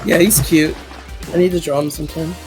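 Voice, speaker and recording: A woman's voice: sits low, fairly even intonation, brisk, a little mellow. A woman chatting casually on a game stream, giggly and talkative. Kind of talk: casual chat while gaming. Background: game music.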